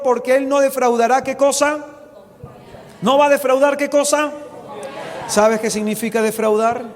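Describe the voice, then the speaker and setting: A man preaching a sermon with fervor, rising to loud exclamations and dropping to soft asides. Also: high-pitched, in a large hall.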